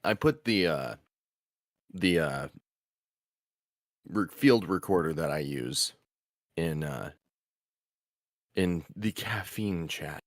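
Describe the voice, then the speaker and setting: A very deep-voiced man from Oklahoma talks shop as a voice actor in loose, casual chat. He rambles and restarts, laughing as he goes, and the padded booth he records in leaves his voice dry and close with no room sound. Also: lively intonation, slow, long pauses, no room sound. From Oklahoma, USA. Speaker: voice actor and show host.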